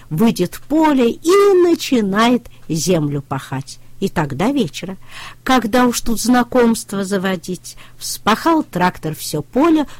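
A woman reading a children's story aloud in a slow, expressive storytelling style, close to the microphone. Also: mid-range voice, no room sound.

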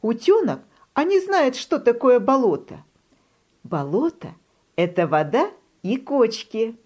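A fussy, sensible forest hare, played by a woman reading the tale, talks briskly and scolds. Its lively voice rises a little above a plain speaking voice. It is the impatient grown-up of a children's storybook. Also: fairly high pitch, pitched above the performer's own voice. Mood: scolding.

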